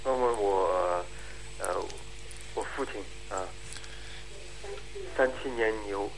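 A man calling in to a radio show, polite, with quick short acknowledgements. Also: fairly low pitch, rough recording. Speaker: caller. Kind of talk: phone-in conversation.

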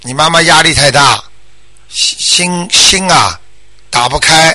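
A man hosting a radio call-in show, giving brisk, firm advice and often checking that the caller understood. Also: fairly high pitch, bright, forceful tone. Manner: keeps asking if the caller understood.

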